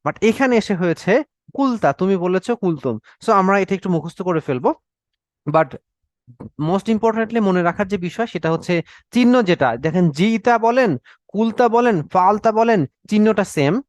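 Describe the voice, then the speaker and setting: A man's voice: high voice, expressive, moderate pace, dry recording. A young man teaching an online class, drilling Arabic verb forms and stopping often to ask "okay?", with English words mixed into his speech. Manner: mixes English words into Bengali.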